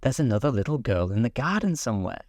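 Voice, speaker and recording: A man's voice: mid-range voice, very animated, fast talker, darkish tone, no room sound, studio quality, lightly acted. A man voicing a polite, curious young girl in a storybook reading. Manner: polite, earnest.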